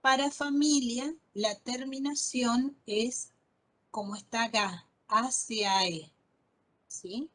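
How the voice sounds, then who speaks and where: A woman teacher talks through a lecture at an unhurried pace. Her voice sits slightly high, and she keeps stopping to ask whether students are following. The manner is patient and methodical. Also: a bit bright, low-quality recording. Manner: patient, checks understanding with frequent "¿sí?". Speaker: botany lecturer. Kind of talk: online class lecture.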